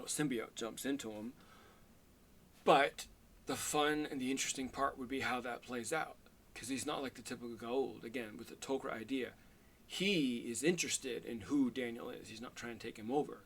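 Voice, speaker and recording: Rambling, hesitant man talking to camera. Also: mid-range voice. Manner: rambling and hesitant, many fillers and restarts, enthusiastic. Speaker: video creator pitching fan ideas. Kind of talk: casual solo talk to camera.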